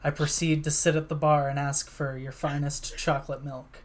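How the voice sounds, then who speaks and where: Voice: medium pitch, little pitch movement, moderate pace, a little hiss or hum. A player in a tabletop role-play session, playfully narrating a comic entrance for his character. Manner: playful, storytelling.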